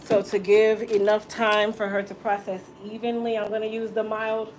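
A woman's voice: mid-range voice, monotone, moderate pace, slight background noise, poor audio. A woman hair stylist chatting casually as she explains her work in a small salon, laughing at viewer comments. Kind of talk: casual salon tutorial livestream.

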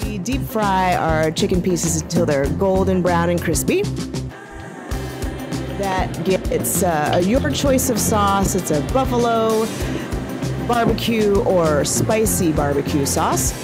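A middle-aged woman from Cambodia, a restaurant co-owner chatting in an interview, quick with fillers and asides, on a lapel mic in a small kitchen. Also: medium pitch, expressive. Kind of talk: casual interview. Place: small commercial kitchen, indoors. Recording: music bed underneath.

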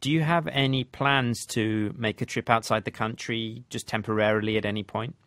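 A man's voice: fairly low pitch, steady tone, normal speed, fairly bright tone, no room sound. A man working as a reporter, asking probing interview questions with a few restarts.

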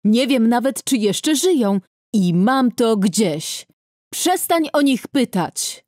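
A woman's voice: a little high, very animated, slow pace, darkish tone, no echo, studio quality. A woman voicing a stern middle-aged mother who talks in clipped, defensive sentences, in a dubbed story. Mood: snapping.

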